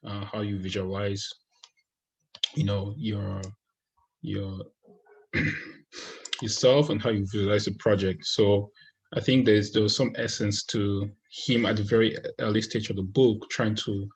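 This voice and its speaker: A man from Cameroon giving a casual, thoughtful spoken book review, with many pauses and restarts. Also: lowish voice, little pitch movement, slightly rough, poor audio. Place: United States.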